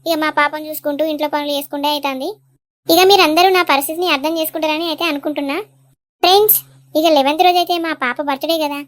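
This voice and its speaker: A woman's voice: high voice, steady tone, rapid-fire, no room sound. A woman, a channel creator and mother, talking earnestly and directly to her viewers in a casual way. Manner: earnest, pleading, talks straight to viewers.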